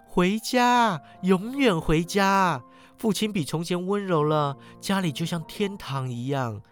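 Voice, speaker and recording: A man's voice: mid-range voice, animated, normal speed, soft background music, close to an everyday voice. A man voicing a loving little girl who speaks eagerly and tenderly to her older brother, in a told story. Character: sweet little girl, loving younger sister. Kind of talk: storytelling narration.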